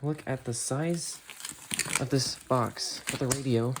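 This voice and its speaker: At home in a small carpeted room with a computer desk, a young adult man offers casual commentary while unboxing and handling an item for a video. His medium-pitched voice takes things slowly, with clear background noise, crinkling packaging and clicks.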